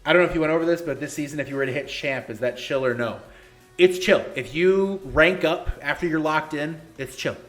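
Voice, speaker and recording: A man's voice: a little high, brisk, fairly bright tone, faint music behind. Blunt joking man in his thirties. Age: 30s. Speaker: league organizer and streamer. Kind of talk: casual live-stream Q&A.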